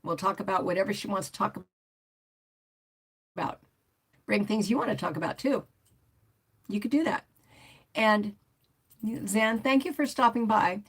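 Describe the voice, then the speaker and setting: A woman's voice: mid-range voice, moderate pace, long pauses, slightly rough. An older woman hosting a casual livestream, rambling and chatty as she reads out viewer comments and answers them. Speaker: motorcycle vlogger hosting a livestream.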